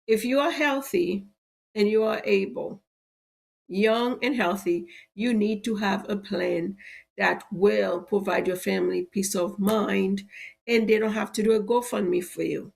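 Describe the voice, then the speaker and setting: A middle-aged woman hosting a live insurance sales show delivers an unhurried, persuasive pitch peppered with "right?" Her tone is darkish, with vocal fry, and allergies make her voice stuffy and a touch cracky.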